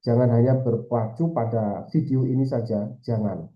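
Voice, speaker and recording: A man's voice: medium pitch, fairly even intonation, moderate pace. A man with an Indonesian accent giving an informal exam-prep lesson, hesitant, with many fillers and repeated tag words. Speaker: Arabic language tutor. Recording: roomy, slightly dull sound.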